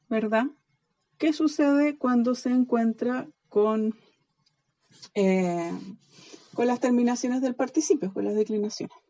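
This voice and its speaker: A Chilean woman teaching a recorded lesson, speaking slowly and spelling out each ending with care. Her voice is fairly high yet very dark and mellow in tone, and she keeps checking that her students follow. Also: no echo, rough recording. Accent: Chilean Spanish. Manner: slow, careful drilling of word endings with frequent checking "¿ya?". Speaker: biblical Greek teacher.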